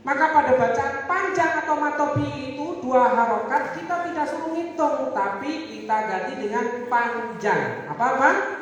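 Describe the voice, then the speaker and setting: A woman's voice: sits high, lively intonation, a little slow, a little hiss or hum. A woman teaching teachers a recitation method, drilling them in call-and-response with sing-song prompts. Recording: echoey hall, far from the mic, crowd behind.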